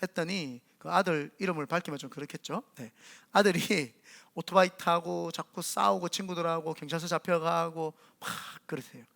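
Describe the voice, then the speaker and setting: Gravelly, bright-voiced Korean pastor preaching. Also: male voice, fairly high pitch, moderate pace. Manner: animated storytelling, acting out voices in quotes. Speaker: senior pastor. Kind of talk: sermon.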